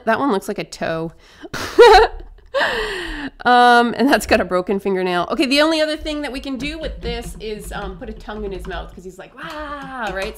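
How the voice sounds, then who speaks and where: A young woman chatting her way through a face painting tutorial, upbeat and a little hoarse. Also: mid-range voice. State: slightly hoarse.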